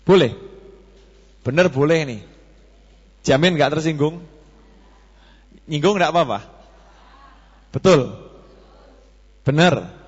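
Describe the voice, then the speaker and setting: A man gives a sermon in a fairly high voice, chatty and teasing as he throws questions at his listeners. The recording is dull and lo-fi, with a long reverb trailing through a large hall. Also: husky. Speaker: preacher.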